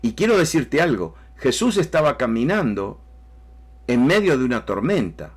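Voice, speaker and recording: A man's voice: medium pitch, big pitch swings, normal speed, breathy edge. A man preaching a sermon emphatically, with rising bursts and repeated phrases. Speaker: pastor.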